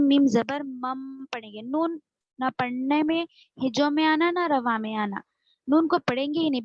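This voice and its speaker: A woman teaching a Quran reading class online, slowly spelling out sounds syllable by syllable and often checking that her students follow. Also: high voice, darkish tone, no echo. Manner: patient, drawn-out syllable-by-syllable spelling, frequent checking questions. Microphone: video call. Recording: dull, lo-fi video call audio.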